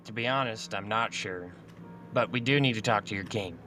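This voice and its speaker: A man's voice: fairly low pitch, moderate pace, pushed and bright, faint music behind. A man playing a tabletop game, talking in a blunt and casual way. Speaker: player.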